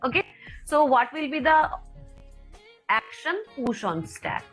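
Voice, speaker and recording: High-pitched Bengali-accented woman teaching. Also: a bit bright, faint music behind, low-quality recording. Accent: Indian Bengali. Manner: deliberate, repetitive explaining, switching languages. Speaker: computer science teacher. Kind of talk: step-by-step lecture.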